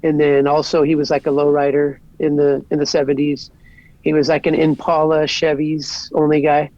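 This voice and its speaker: A man's voice: on the high side, completely flat delivery, normal speed, darkish tone, no room sound, highs cut off. Easygoing man from Southern California. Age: 40s. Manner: easygoing, rambling with lots of "like". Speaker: guest. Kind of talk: casual podcast chat.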